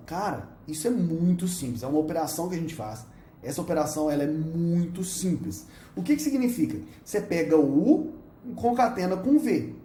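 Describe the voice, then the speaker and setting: A man with a Brazilian Portuguese accent teaching a recorded university lecture, playful and animated, often checking in with his students. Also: fairly high pitch, reverberant, slight background noise.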